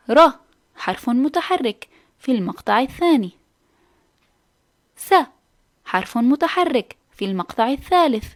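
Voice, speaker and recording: A woman hosting a scripted children's lesson, speaking clearly and encouragingly. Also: sits high. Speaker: teacher host.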